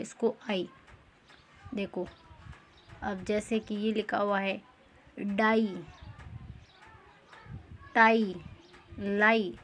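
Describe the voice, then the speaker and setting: Woman teacher going over pronunciation rules real slow, asks questions and repeats stuff, faint hiss behind. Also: medium pitch, a bit bright. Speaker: English teacher.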